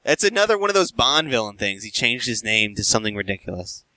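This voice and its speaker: A man's voice: lowish voice, very animated, fast talker, sharp tone, no room sound. A man co-hosting a casual podcast chat, wry and blunt, with some swearing. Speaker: podcast co-host.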